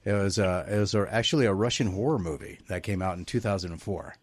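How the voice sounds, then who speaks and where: Guy hosting, jokes around, low-ish voice, dry sound. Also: dry recording. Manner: jokey, laughs often, halting. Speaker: podcast host. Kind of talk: casual interview chat.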